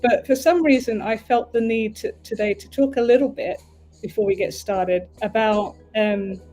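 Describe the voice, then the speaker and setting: Speaking with an English accent, this woman from the UK runs a relaxed tarot-reading livestream in a warm, medium-pitched voice. Her talk wanders, and she pauses now and then to sort out technical issues with the stream.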